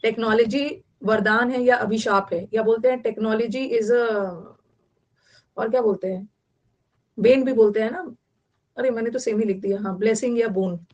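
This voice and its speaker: A woman's voice: a little high, steady tone, normal speed, a little mellow, muffled recording. A young adult woman with an Indian accent teaching vocabulary online, explaining in Hindi mixed with English and repeating key words.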